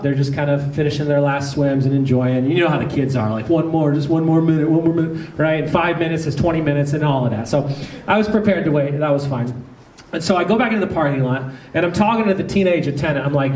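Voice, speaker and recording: Pastor from the South in his thirties, high-pitched, animated storyteller with jokes, heard from a distance in an echoey church. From American South. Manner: animated, humorous storytelling with asides to the congregation. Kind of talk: storytelling sermon. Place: church hall. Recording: roomy hall sound, mic at a distance.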